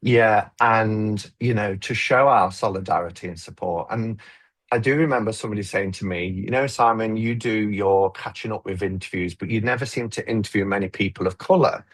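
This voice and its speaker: A man who makes tarot videos talks reflectively during a casual live stream conversation, frequently restarting his sentences. His voice is on the low side and a little fast.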